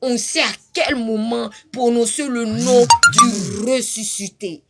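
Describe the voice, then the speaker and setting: A woman's voice: a little high, takes it slowly, over loud music. A woman preaching her testimony on a live stream, fervent and repetitive, breaking into sudden cries. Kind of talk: impassioned spoken testimony.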